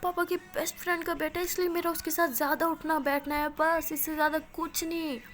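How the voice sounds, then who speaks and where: A woman's voice: very high voice, flat delivery, brisk, a bit bright, voice pushed up. A woman voicing an indignant young college woman who protests and argues back in exasperation. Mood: exasperated.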